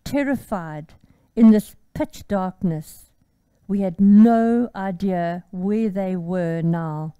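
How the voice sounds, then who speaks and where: An older woman, gently and earnestly leading a recorded devotion. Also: medium pitch, takes it slowly, clean tone, no echo. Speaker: devotion leader.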